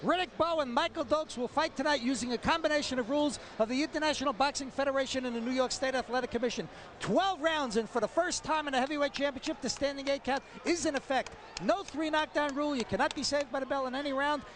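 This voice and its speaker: A man with a strikingly high voice rattles off boxing rules at a quick clip. His delivery is emphatic and clipped, with faint arena noise behind him. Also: a bit bright. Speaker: boxing broadcast rules analyst. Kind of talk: live broadcast rules explanation. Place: ringside in a large arena.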